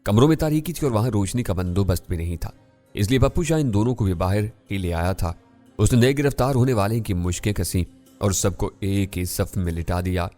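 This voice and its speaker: A man narrating a first-person thriller audiobook in a steady, measured way. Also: low-pitched. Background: faint music.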